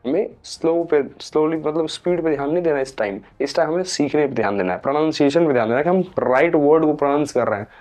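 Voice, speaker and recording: A man's voice: medium pitch, darkish tone. A young man with an Indian English accent teaching a pronunciation lesson, patiently explaining and repeating example words, stretching them out.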